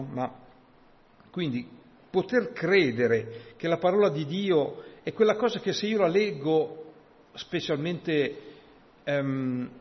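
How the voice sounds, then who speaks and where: A man giving an informal, conversational sermon, often checking in with "no?" and reading scripture aloud. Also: fairly high pitch. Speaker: preacher. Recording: dull sound with long hall reverb.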